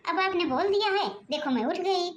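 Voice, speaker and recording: A woman's voice: very high-pitched, expressive, normal speed, reverberant, a little hiss or hum. Woman playing a sly young daughter-in-law. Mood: mock-sweet. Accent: Awadhi-region Hindi. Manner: sweetly sly, mock-obedient.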